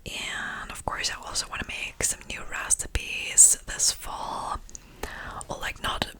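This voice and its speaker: A woman whispering a casual, meandering ASMR ramble in a crisp, breathy voice, very close to the microphone. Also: slow pace, sharp tone. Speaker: ASMR creator. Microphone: close-up ear-to-ear stereo microphone.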